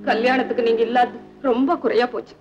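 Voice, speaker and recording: An actress as a gracious estate matron. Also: female voice, on the high side, level tone, fast, a little mellow, muffled recording, soft background music, lightly acted. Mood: grateful. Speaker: estate owner's mother.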